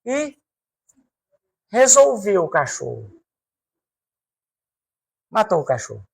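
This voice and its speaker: A man with a Brazilian accent delivers a spiritual reflection talk. His pitch swings freely between low and high. He asks his listeners direct questions and stretches out slow, emphatic repetitions. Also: huge pitch swings, vocal fry, husky. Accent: Brazilian Portuguese. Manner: addresses the audience directly with rhetorical questions. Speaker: spiritual speaker.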